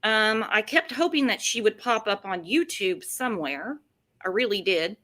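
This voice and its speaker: A woman's voice: mid-range voice, lively intonation, moderate pace, sharp tone. A woman hosting a casual true-crime commentary chat, with a sarcastic, mocking edge. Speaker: host.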